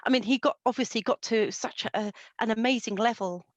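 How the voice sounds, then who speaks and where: Lady podcast host asking questions, kinda high, says yeah a lot, super dry audio. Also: fairly quick, no room sound, muffled recording. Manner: encouraging, with short affirming replies. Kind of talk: interview questions.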